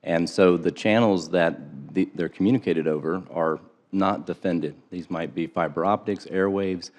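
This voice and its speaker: A man with a very deep, low voice answers questions as an expert witness in a hearing room. He talks in a measured, explanatory way and often doubles his opening words before settling into an answer, close to a desk microphone. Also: steady tone, a little mellow. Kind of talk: formal testimony answering questions.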